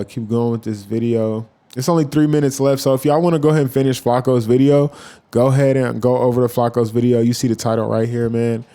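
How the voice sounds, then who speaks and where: A man giving casual, profane reaction commentary as a YouTuber, rambling with animated asides. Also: medium pitch.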